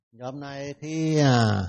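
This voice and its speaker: A man with a Vietnamese accent teaching pronunciation in a classroom lesson, repeating each sound slowly for his students. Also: mid-range voice, gravelly, a bit bright.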